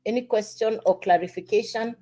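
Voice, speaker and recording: A woman's voice: medium pitch, steady tone, brisk, warm tone. A woman selling an online business on a livestream, talking straight to viewers and repeating herself to coax them. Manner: repetitive, coaxing, addresses viewers directly. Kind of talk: casual livestream pitch.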